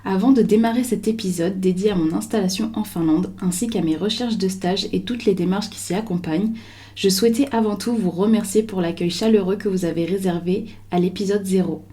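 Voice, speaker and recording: A young woman hosting a podcast, talking softly and hesitantly with many pauses and fillers. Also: medium pitch. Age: young adult. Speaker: podcast host. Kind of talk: scripted intro then casual chat.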